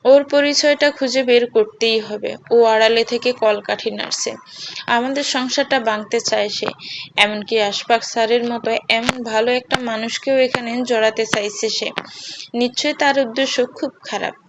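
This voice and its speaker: A woman narrating a first-person audio story in a steady, earnest reading. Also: a little high, normal speed. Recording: slightly dull with faint hiss.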